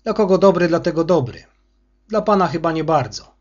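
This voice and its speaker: A man's voice: a little high, sing-song, normal speed, slightly rough, muffled recording, pitched above the performer's own voice. A man voicing a bullying, arrogant male school superintendent who scolds harshly. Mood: bitter.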